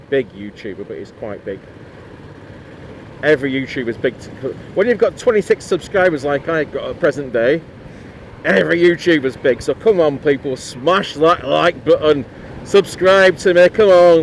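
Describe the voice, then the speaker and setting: A middle-aged man from Lancashire with a Northern English accent, a motorcycle vlogger rambling bluntly while riding outdoors in the cold. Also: mid-range voice. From Lancashire, England. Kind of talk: casual talk while riding. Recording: faint road and traffic noise.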